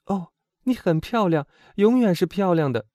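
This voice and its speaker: A man's voice: high-pitched, normal speed, warm tone, no echo, clean studio sound, pitched above the performer's own voice, natural voice. A man voicing a timid young woman who admires her bolder friend and worries about trouble. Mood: admiring. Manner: anxious, admiring.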